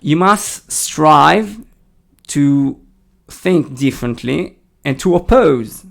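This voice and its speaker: His voice is a little high, creaky and fairly bright, animated though he takes his time. The young man is a podcast co-host in a casual discussion, speaking English with a Hebrew accent and a slight British edge, and he hesitates thoughtfully, often restarting sentences.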